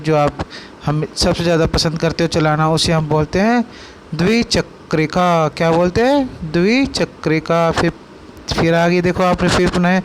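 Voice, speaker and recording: Man, children's language teacher, slow repeated words, screen-recorded voice-over, faint background noise. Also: on the high side. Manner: repeats each word slowly with call-and-response questions. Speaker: Sanskrit teacher. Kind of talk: teaching lesson to children over picture slides.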